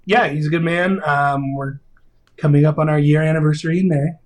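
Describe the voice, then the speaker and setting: Excitable rambling man, a bit high. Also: brisk. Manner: rambling, excitable, lots of fillers and restarts. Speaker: video game composer, interview guest. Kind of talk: casual interview chat.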